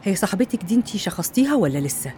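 An actress playing a calm, concerned woman psychiatrist in a radio drama, matter-of-fact, with an Egyptian accent. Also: medium pitch, racing, a little hiss or hum, lightly acted. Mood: professional, concerned.

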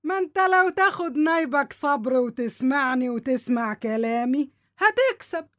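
A scheming, high-voiced Egyptian aunt. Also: female voice, animated, normal speed, fairly bright tone, no echo, studio quality. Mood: scolding. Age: middle-aged. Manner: nagging, scolding, colloquial. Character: scheming, greedy, domineering middle-aged aunt and mother. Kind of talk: dramatic dialogue.

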